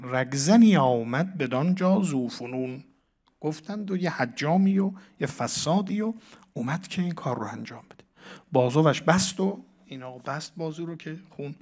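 Fervent man swinging from whispers to declaiming. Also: fairly high pitch. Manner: swings from hushed whispers to loud emphatic recitation. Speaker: teacher of mystical poetry. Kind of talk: lecture with recited mystical verse.

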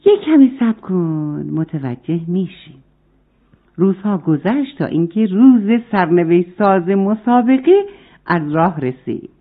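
A woman's voice: on the low side, expressive. A woman narrating a story for children, speaking to them directly, on a tinny recording. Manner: warm, addresses the children.

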